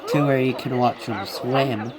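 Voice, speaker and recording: A man's voice: mid-range voice, steady tone, a little slow, a loud crowd. A man who is sick with a stuffed, congested nose gives a casual, hesitant, rambling walkthrough of a video game. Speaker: gamer giving a video game tour.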